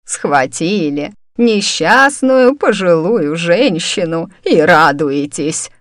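A woman reading an audiobook voices a frail, bitter old woman who has lost her magic; she speaks slowly and quaveringly, then shouts in anger. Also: deep voice, animated, no echo, studio quality. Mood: self-pitying. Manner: slow, quavering, flares into angry shouts.

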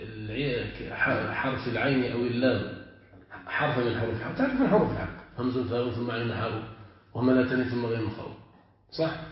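A man, a sheikh, teaching a class, stretching key words slowly and often asking his students whether they have understood. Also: medium pitch. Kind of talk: classroom lesson with questions to students. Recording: very echoey, dull lo-fi room.

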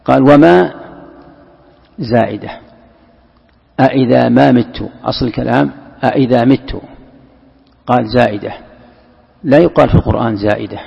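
Gravelly-voiced sheikh in an echoey hall. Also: male voice, medium pitch, moderate pace, long pauses, mellow. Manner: patient, repeats key terms, many restarts. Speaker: sheikh teaching Quran commentary. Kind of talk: classroom lesson explaining a text. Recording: echoey hall, muffled lo-fi sound.

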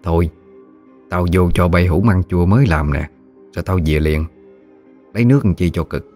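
A man's voice: low-pitched, normal speed, darkish tone, faint music behind, natural voice. A man voicing a chatty, bossy village woman in her sixties with a Mekong Delta Vietnamese accent, blunt and familiar. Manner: blunt, familiar, talks down fondly.

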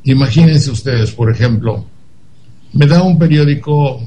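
A man's voice: mid-range voice, unhurried, warm tone, low-quality recording. An older man, a radio commentator telling a digressive story and acting out the dialogue.

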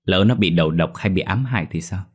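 A man's voice: deep voice, brisk, breathy edge. A man voicing a grieving young man who, choking back tears, insists on finding out why his sister died. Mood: choked, insistent. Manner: choked, insistent questioning. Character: young man, grieving older brother demanding answers.

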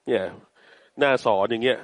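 A man teaching Quran recitation, chanting Arabic verses slowly and explaining pronunciation patiently in Thai. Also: mid-range voice, dry recording. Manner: slow, patient, demonstrates sounds repeatedly, chants verses.

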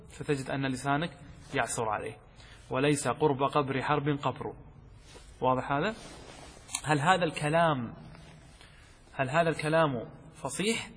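A husky, fairly high-voiced man teaches as a sheikh, posing questions to his class and answering them himself. He chants the verses he quotes slowly. His voice rings with a long reverb, as in a large hall. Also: fairly bright tone. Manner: explains step by step, asks and answers his own questions. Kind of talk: classroom lesson explaining a text.

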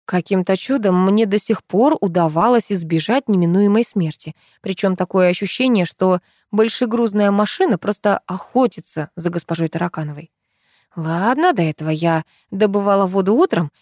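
A woman narrating an audiobook in a wry, expressive storytelling manner. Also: mid-range voice, moderate pace, no room sound, clean studio sound. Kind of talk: audiobook narration with character voices.

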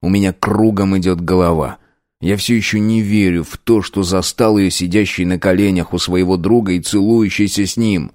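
Low-voiced male audiobook narrator. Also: steady tone, normal speed, darkish tone, no room sound, clean studio sound. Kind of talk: first-person audiobook narration.

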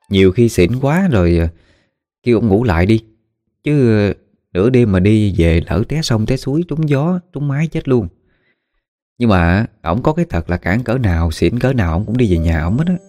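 Storyteller, man, Mekong Delta Southern Vietnamese accent, low voice, warm and mellow, folksy and rambling delivery, faint music underneath. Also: dry recording. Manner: folksy, rambling, with frequent "à" fillers. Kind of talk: casual spoken storytelling.

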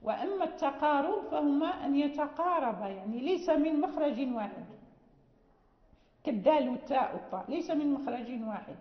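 A woman's voice: sits high, expressive, a little fast. A woman teaching a class on Quran recitation, explaining patiently and often checking that students follow. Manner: patient explaining, frequent restarts and checking questions. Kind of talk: classroom lecture. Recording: echoey hall, dull lo-fi sound.

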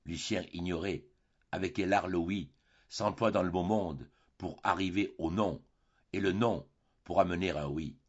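A man's voice: low-pitched, steady tone, a little slow, slightly rough, highs cut off. A man narrating a classic novel for an audiobook, reading steadily phrase by phrase.

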